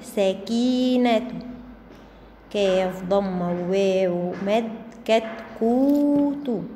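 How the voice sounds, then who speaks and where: A woman with an Egyptian Arabic accent teaching young children to read, stretching syllables out slowly and answering her own questions. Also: medium pitch, warm tone. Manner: slow drawn-out syllables, asks and answers herself. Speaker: primary school Arabic teacher. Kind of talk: children's reading lesson. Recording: echoey room with faint background noise.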